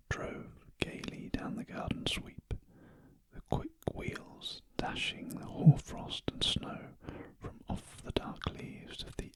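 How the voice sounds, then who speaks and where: A man with a British accent reading a story in a very gentle, breathy ASMR whisper, close to the ear. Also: rough recording. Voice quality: soft, breathy, unvoiced whisper. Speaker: audiobook reader. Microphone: close ear-to-ear ASMR microphone.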